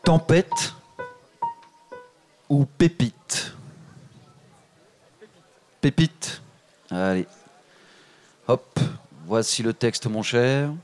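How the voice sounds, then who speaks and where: Lively man hosting a live reading. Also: mid-range voice, drawn-out words, long pauses, faint music behind. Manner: lively, encouraging, addresses the audience directly. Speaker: host of a public reading event.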